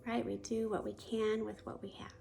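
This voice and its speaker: Her voice is a little high and her delivery flat, at normal speed, as this yoga teacher gently leads a guided meditation. Soft and soothing, she often drifts into a breathy near-whisper, with slight background noise behind her.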